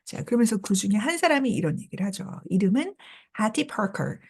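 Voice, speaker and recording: A woman's voice: medium pitch, brisk, husky. A woman teaching English, reading a novel aloud and explaining it in Korean. She keeps the class along with small prompts as she goes. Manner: lively, repeats prompts such as "자" and "그죠?".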